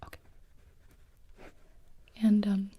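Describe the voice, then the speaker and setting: A woman whispering hesitantly as a doctor in an ASMR roleplay, with soft fillers and pauses. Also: slight background noise.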